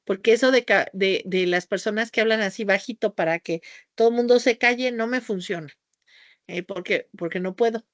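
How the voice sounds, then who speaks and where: A woman teaching a class with a high, squeaky voice, speaking loudly and theatrically, changing her tone often and drifting off on tangents. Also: normal speed, no echo, dull audio. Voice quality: high-pitched voice, calls it a squeaky off-key whistle. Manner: scattered, jumps between topics with tangents. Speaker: homeopathy teacher. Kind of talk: lecture to a class.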